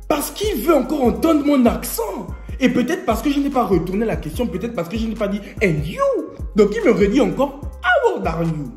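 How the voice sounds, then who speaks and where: A young man vlogging a storytime, joking and laughing as he tells it. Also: high voice. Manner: lively, joking storyteller who laughs often. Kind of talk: storytime vlog. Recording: echoey room, faint music.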